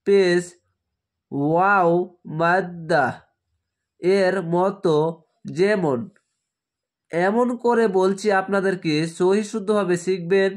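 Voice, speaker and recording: A man teaching Quran letter pronunciation, spelling out each letter slowly and deliberately in a lesson. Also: sits high. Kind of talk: slow recitation lesson.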